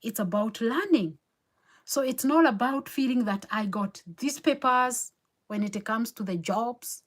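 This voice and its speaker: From her home in New York City, a Kenyan woman who is a native Kikuyu speaker hosts a motivational live stream. Her voice is on the high side and her pace measured, and she sounds earnest and encouraging, repeating her key phrases.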